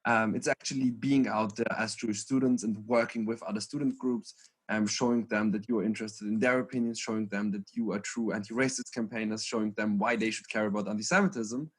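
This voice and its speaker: A man's voice: lowish voice, steady tone, a little fast, breathy edge. A young man from Vienna, speaking as a student union president on a panel in an earnest, methodical way over a video call. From Vienna, Austria. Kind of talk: panel discussion.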